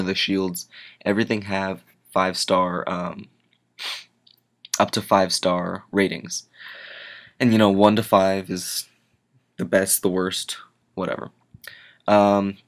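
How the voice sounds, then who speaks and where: Tired young guy with a low voice rambling through a game walkthrough, keeps going off on tangents. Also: fairly bright tone. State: tired, yawning. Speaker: gaming channel host. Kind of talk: casual gameplay commentary.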